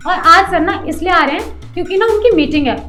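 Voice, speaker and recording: A woman's voice: very high-pitched, fairly quick, pushed and bright, faint music behind. A woman playing a rude, haughty office manager in a short skit, talking down and scolding. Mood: scornful. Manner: scolding, bossy, condescending.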